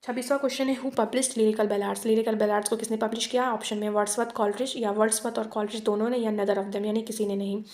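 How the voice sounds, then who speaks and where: A woman teacher works through exam multiple-choice questions, reading each one out slowly in English and then switching to quick Hindi explanations. Her voice sits fairly high and stays flat, with little rise and fall. The room gives it a noticeable echo. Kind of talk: exam quiz lesson.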